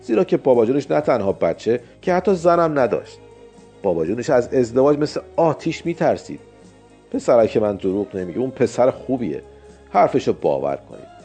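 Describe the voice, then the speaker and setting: A man narrating a story as a dramatized audiobook, theatrical, swinging between loud outbursts and hushed asides. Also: medium pitch, big pitch swings. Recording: narration with faint music behind. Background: faint music.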